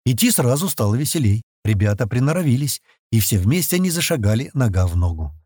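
A male narrator reads a fantasy adventure with expressive, lively storytelling, his pitch moving widely. His voice is husky and slightly breathy at a middle pitch. The recording is dry and close. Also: fast, no echo. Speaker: audiobook narrator.

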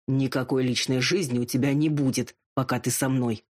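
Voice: medium pitch, steady tone, darkish tone, breathy edge, close to an everyday voice. A narrator voicing a haughty dragon lord. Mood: growling. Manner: drawn-out and pleading when drunk, curt when sober. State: drunk and drowsy. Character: arrogant male dragon lord, a gruff millionaire.

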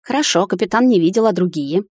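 A woman's voice: mid-range voice, lively intonation, fast talker, darkish tone, no echo, studio quality, natural voice. A woman voicing a headstrong young witch who protests indignantly against her mother.

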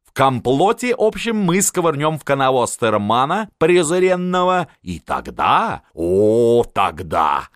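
Man doing a scheming old field marshal, barks orders, big swings of pitch, dry close sound. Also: sing-song, slow pace, hardly any pauses, dry recording. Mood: commanding. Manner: barking, domineering.

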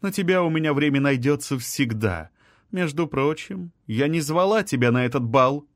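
A proud sorceress queen with a melodious, lilting voice, as a male reader lifts his voice for her. She sounds sure of her power, her lines rising high. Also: expressive, moderate pace, no echo, clean studio sound. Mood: confident.

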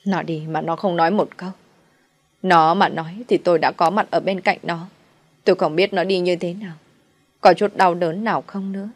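A woman's voice: fairly low pitch, steady tone, normal speed, dry recording. A woman voicing an older mother-in-law who scolds and wails in grief, in a spoken story. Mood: grieving. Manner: scolding, wailing.

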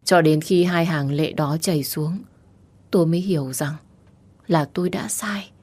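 A woman narrating a first-person romance story as an audiobook, in a steady, emotional reading. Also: low-pitched, moderate pace, breathy edge.

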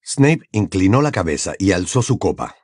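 Man, audiobook narrator, very deep voice, lively pitch, dry close recording. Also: normal speed, slightly rough, no echo. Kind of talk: scripted narration.

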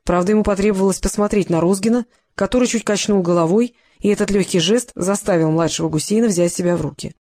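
An audiobook narrator reading a detective novel in an even, measured way. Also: medium pitch, no echo, studio quality.

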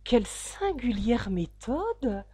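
A woman voicing a polite, curious young girl in a storybook reading, earnest and questioning, with lively pitch. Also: normal speed.

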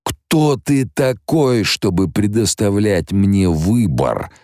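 A man reading an audiobook voices a possessed young woman who shouts in the domineering voice of an old tyrant, in frantic commanding bursts. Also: fairly low pitch, animated, takes it slowly, dry recording, studio quality, voice pushed up. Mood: scornful.

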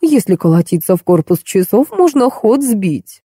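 A woman's voice: medium pitch, big pitch swings, moderate pace, mellow, husky, no echo, studio quality. A woman voicing a fussy, soothing older nanny in an audiobook. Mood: matter-of-fact. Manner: fussing, soothing.

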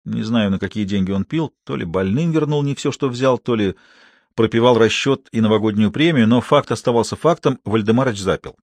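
Dry, steady male audiobook narrator. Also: fairly low pitch, brisk, no room sound. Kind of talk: first-person audiobook narration.

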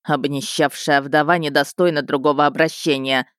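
A woman's voice: low-pitched, fairly even intonation, moderate pace, fairly bright tone, smooth, no room sound, studio quality. A woman narrating an audiobook voices an arrogant, mocking young nobleman. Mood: scornful. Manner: mocking, contemptuous.

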